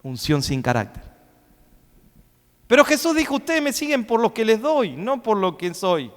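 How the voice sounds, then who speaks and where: Man, fiery sermon, high voice, long church reverb. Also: sing-song. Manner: preaching with sudden loud rises and quick asides. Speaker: pastor. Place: church hall.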